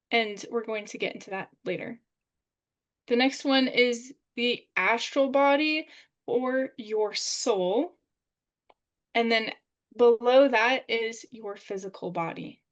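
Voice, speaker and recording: A woman guest on a spiritual podcast, explaining a diagram step by step in a calm, explanatory way. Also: fairly high pitch. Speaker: guest channeler.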